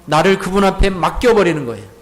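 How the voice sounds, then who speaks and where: A man's voice: sits high, animated, fast talker, a bit bright. A male pastor preaching a Sunday sermon in a church. He asks the congregation rhetorical questions, repeats key words, and has them repeat lines after him. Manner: leads the congregation in call-and-repeat. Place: church sanctuary.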